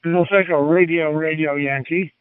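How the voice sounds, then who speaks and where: This is an American man posing as an amateur radio operator, making slow, procedural ham radio calls and using the phonetic alphabet to spell. His voice is a little high, steady, clear, and resonant with no echo, heard through narrow, distant, phone-like walkie-talkie audio.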